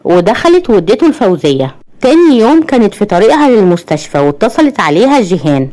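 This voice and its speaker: Animated Egyptian woman storyteller. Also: mid-range voice, fast. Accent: Egyptian Arabic. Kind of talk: storytelling narration.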